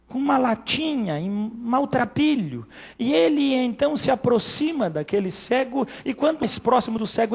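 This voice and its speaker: A man's voice: extremely high pitch, creaky, breathy edge. A man from Brazil, a pastor preaching a sermon in church, telling stories dramatically and acting out the dialogue.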